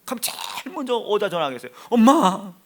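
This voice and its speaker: A middle-aged male pastor from Chungcheong with a Chungcheong accent, preaching a sermon in an animated storytelling way that swings from hushed asides to loud exclaiming. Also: mid-range voice, moderate pace, gravelly. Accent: Chungcheong Korean. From Chungcheong, South Korea.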